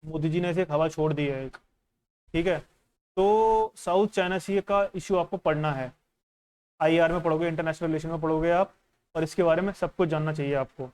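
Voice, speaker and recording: Smooth-voiced man coaching exam students. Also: a little high, normal speed, darkish tone. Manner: conversational and instructive, often checking in with the listener; mixes in English phrases. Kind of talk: casual teaching while going through a newspaper.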